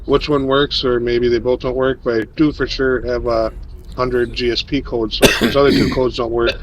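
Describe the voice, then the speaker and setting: A man's voice: mid-range voice, flat delivery, moderate pace, a crowd in the background, low-quality recording. A man talking casually as a teammate in an online gaming voice chat.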